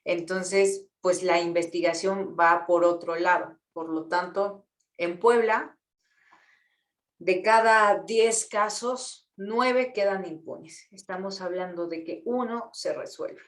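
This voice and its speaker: A woman with a Mexican accent, an activist earnestly explaining things to students, often pausing with fillers and repeated words. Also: lowish voice, roomy sound. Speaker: guest speaker, feminist activist.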